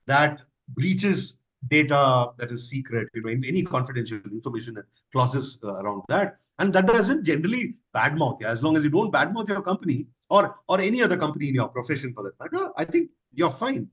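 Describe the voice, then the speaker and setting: Lively man giving advice. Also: fairly high pitch, a little fast, poor audio. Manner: lively, advisory, stresses key words. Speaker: speaker answering audience questions. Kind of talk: online session Q&A.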